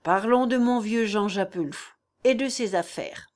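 A woman's voice: medium pitch, measured pace, lightly acted. Woman reading as a jovial old lord. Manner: jovial, warm-hearted. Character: cheerful elderly lord of a manor, contented.

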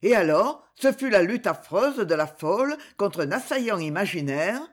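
A woman reading a novel aloud with a theatrical touch, her pitch rising and falling vividly across each phrase. The delivery is dramatic and drawn out. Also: moderate pace. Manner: expressive, theatrical. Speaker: audiobook narrator.

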